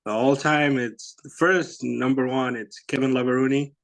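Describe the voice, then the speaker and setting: A man, answering interview questions in a halting, casual way with many fillers and soft laughs. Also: mid-range voice, fairly even intonation. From Iraq. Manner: halting, lots of "you know" and "like", laughs softly. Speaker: guest, bodybuilder.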